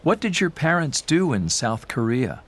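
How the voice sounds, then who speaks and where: An actor asking polite interview questions in a scripted textbook dialogue. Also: male voice, on the high side, big pitch swings, moderate pace, fairly bright tone. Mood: curious.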